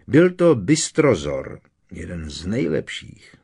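Keen young wizard guy explaining stuff, raised husky voice, man reading. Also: low-pitched, huge pitch swings, darkish tone, full character voice. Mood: eager. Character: eager young adult wizard brother.

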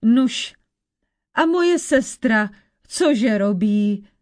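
A woman voicing a hunched old witch in a folk tale, speaking slowly and gravely like a worried grandmother. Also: a little high, animated, darkish tone, lightly acted. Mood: grave warning. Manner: slow, warning, grandmotherly. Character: old hunched witch Ježibaba, female, caring but grave.

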